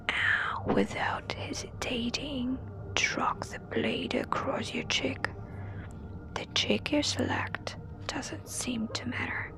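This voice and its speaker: A woman reads a scary story as whispered ASMR. Her delivery is very slow, soft and deliberate. The hushed voice sits fairly high and carries a crackly, creaky edge.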